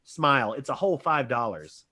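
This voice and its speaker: A man's voice: medium pitch, big pitch swings, normal speed, bright, forceful tone. A man reading stage directions as narrator in a scripted reading.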